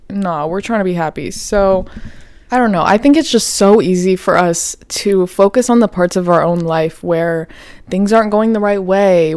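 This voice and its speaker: A young woman talks through her solo podcast in a loose, candid way, swearing freely and filling every pause with "like". Her voice is smooth and clear at an ordinary pitch. The sound is dry and close, with no room around it. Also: a little mellow, no echo. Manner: chatty, profane, says "like" a lot, laughs often. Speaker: podcast host. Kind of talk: casual solo podcast talk.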